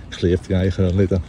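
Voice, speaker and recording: A man with a Basel Swiss German accent reading a fairy tale aloud outdoors, relaxed and chatty, with laughs and self-corrections. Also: low-pitched, a little hiss or hum. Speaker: storyteller.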